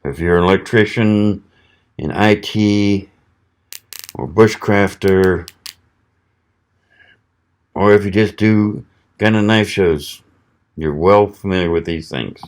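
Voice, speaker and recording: In a laid-back, folksy vlog, a middle-aged Southern American man puts a knife through its paces. His low, unhurried voice muses aloud between cuts as he reviews the blade.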